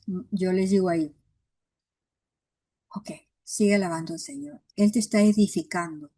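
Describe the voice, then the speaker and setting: A woman's voice: medium pitch, dark tone, no room sound, studio quality. A woman pastor teaching a Bible class in an earnest, encouraging way, acting out how she coaches people in prayer.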